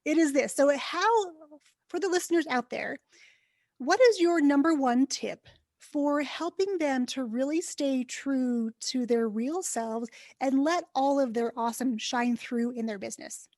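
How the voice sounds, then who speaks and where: Woman podcast host, high voice, upbeat and enthusiastic, dry close sound. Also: a little slow, darkish tone, dry recording. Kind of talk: podcast interview.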